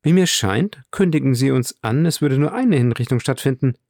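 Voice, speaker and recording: A man voicing an uneasy young gentleman who asks questions in an audiobook reading. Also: mid-range voice, expressive, normal speed, no echo, clean studio sound, pitched above the performer's own voice, natural voice.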